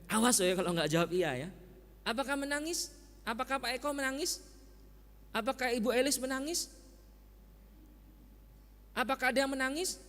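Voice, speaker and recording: A man preaching a lively sermon in a church, his fairly high voice ringing with a long hall echo. He keeps throwing rhetorical questions at the congregation and answering them himself. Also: normal speed, long pauses. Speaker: pastor. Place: church sanctuary.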